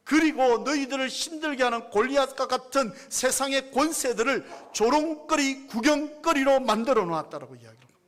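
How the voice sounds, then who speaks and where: Korean pastor guy preaching, high voice, emphatic, lots of rhetorical questions. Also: lively intonation, a little fast, fairly bright tone. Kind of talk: sermon.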